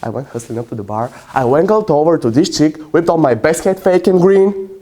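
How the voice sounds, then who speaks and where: A young man whose first language is Bulgarian, playing a brash, self-mocking young womanizer in a competitive prose interpretation, with dramatic storytelling and sudden loud outbursts. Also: on the high side, lively intonation, brisk. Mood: wry, bemused.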